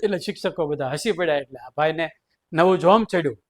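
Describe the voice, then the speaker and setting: A man's voice: fairly high pitch, fast. A man telling a humorous story, chuckling often between sentences.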